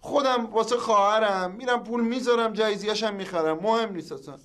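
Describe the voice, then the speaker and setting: An actor playing an excitable grown son in a sitcom who blusters, then meekly gives in. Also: male voice, high-pitched. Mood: arguing. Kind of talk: sitcom acting.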